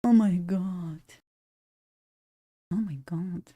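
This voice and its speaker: Speaking very slowly in a mellow, fairly low voice, this young woman from Belarus chats and laughs her way through a day-trading live stream. She's a native Russian speaker with a Russian accent, chatty and prone to talking to herself.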